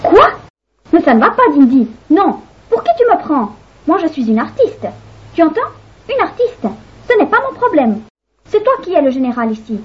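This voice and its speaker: A woman's voice: sits high, big pitch swings, normal speed, highs cut off. A woman voicing a vain, haughty female dragonfly who calls herself an artist and scorns the ants. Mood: indignant. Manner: indignant, scornful.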